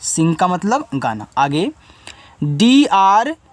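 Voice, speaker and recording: A man teaching an English spelling lesson, patiently spelling each word out letter by letter and repeating each meaning twice. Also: no room sound. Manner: spells words out letter by letter slowly, then says the word lower and quieter.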